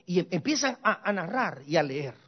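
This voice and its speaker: A man's voice: sits high, big pitch swings, moderate pace, husky. A man preaching a sermon as pastor and seminary teacher, asking rhetorical questions and repeating refrains. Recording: muffled lo-fi recording.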